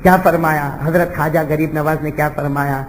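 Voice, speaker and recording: Male preacher, live sermon in a reverberant hall, high-pitched, dramatic storyteller. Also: fairly even intonation, a little hiss or hum. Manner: dramatic storytelling, swings from shouting to soft.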